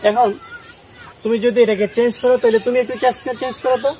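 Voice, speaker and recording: Man teaching grammar, keeps asking clear?, high voice. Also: level tone, quick pace, mellow, a little hiss or hum. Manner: checks understanding with repeated questions. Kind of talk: classroom lesson explaining at a board.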